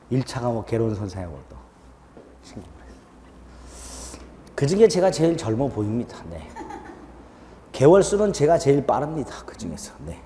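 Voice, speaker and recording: Middle-aged male law lecturer, animated pitch, chatty asides and murmurs, lecture hall with long reverb. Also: slight background noise. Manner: chatty, self-teasing, drops to low murmurs. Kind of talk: classroom lecture with joking asides. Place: lecture room with students.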